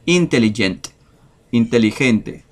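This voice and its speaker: A man teaching English vocabulary over a screen share, talking in a slow, hesitant way with many fillers. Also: medium pitch, animated.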